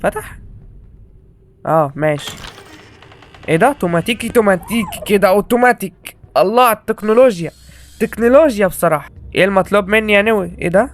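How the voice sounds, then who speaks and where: A man's voice: sits high, lively intonation, quick pace, pauses often. Joking Egyptian man playing a horror game. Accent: Egyptian Arabic. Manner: joking, teasing the game characters, exclaiming. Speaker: gaming YouTuber. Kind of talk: comedic horror game commentary.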